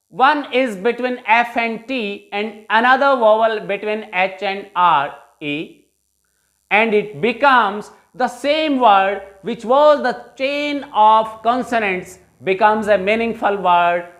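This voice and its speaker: A woman English teacher from India with an Indian English accent, giving a bilingual phonetics lecture and repeating questions to the viewers. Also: a little high.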